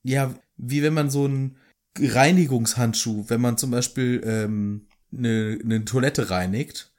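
Man, podcast co-host, casual chat, joking, mid-pitched voice. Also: a little slow, darkish tone. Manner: joking, reads quotes aloud in raised voices. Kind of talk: casual chat about a book.

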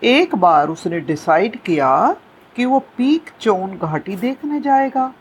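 Slow, lively, husky-voiced woman storyteller. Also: medium pitch, slight background noise. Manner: lively, expressive, slow-paced telling. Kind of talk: storytelling narration.

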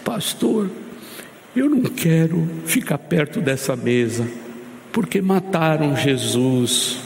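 A man's voice: a little high, sing-song, slow, creaky, reverberant, in a large hall, a little hiss or hum, voice pushed up, full character voice. A man putting on a frail sobbing little girl. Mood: tearful. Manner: tearful, pleading.

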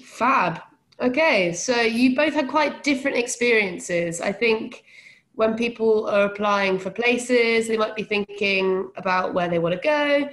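A woman's voice: a little high, unhurried, fairly bright tone. A woman hosting a casual podcast interview, speaking in an encouraging, chatty manner. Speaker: podcast host.

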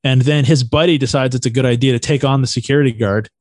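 A man shares a stand-up comedy anecdote in a relaxed, slang-heavy way. His voice sits at an ordinary middle pitch. The sound is close and dry, with no room in it. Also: fast, no echo. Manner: loose, slangy, animated anecdote telling. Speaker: podcast guest, stand-up comedian. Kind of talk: casual storytelling.

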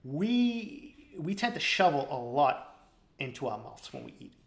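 A man's voice: on the high side, sing-song, a little slow, gravelly. Laughing man rambling on a podcast. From East Boston. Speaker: podcast host. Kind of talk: casual podcast chat. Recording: roomy echo.

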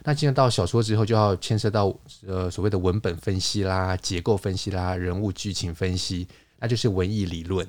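Low-voiced man explaining at length. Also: fairly quick, hardly any pauses, a little mellow, no echo. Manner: explanatory, lecturing with fillers and restarts. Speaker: podcast host, wine lecturer. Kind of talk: casual conversational podcast.

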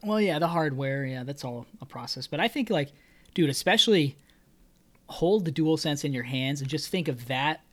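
A man's voice: on the high side, animated, moderate pace, a bit bright. Laid-back man co-hosting a podcast. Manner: laid-back, enthusiastic, slangy. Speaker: podcast co-host. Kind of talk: casual chat.

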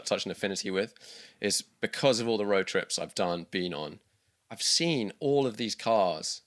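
Man from the UK, low voice, bright tone, rambling interview chat. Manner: rambling, many restarts and fillers. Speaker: guest.

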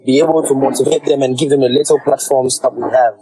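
A man from Ghana, a dancehall artist, answering interview questions in a relaxed, agreeable way. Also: mid-range voice, fast, a crowd in the background, low-quality recording. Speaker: reggae dancehall artist, guest. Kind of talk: casual interview chat.

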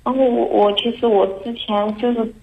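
A young woman calling in to a talk show, talking in an anxious, halting way with many restarts. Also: fairly high pitch, little pitch movement, gravelly, narrow, tinny audio. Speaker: caller. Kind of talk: call-in confession.

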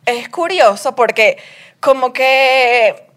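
A Venezuelan woman hosting a podcast in casual, animated chat, often laughing as she talks. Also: high-pitched, slow pace. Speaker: podcast host.

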